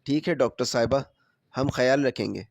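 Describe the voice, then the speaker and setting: A man's voice: mid-range voice, gravelly, no room sound. A man voicing a worried middle-aged mother who speaks firmly but with care, in a storybook reading. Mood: concerned. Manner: firm but caring.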